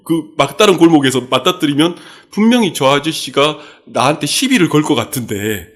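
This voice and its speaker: A male pastor giving a midweek sermon, telling stories and acting out the quotes in them. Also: fairly high pitch. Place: church sanctuary.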